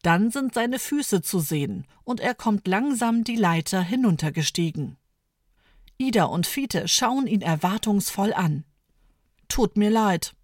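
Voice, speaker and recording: Woman narrator for a children's story, unhurried, dry booth sound. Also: medium pitch, lively intonation, no room sound.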